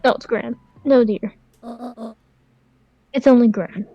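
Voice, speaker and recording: A woman voicing a kindly elderly grandmother in an improvised game voice-over, calm and mischievous with crude jokes. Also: a little high, slow, lo-fi sound, faint music behind. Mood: gentle. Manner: calm, warm-hearted advice with crude jokes.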